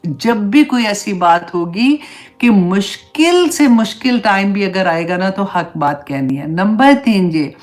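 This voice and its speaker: A woman's voice: mid-range voice, lively intonation, unhurried, darkish tone. A middle-aged woman, teaching a religious class in a conversational way, slipping English phrases into her talk and laying out numbered points for her students. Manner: gives numbered points, speaks directly to students. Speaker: Islamic teacher.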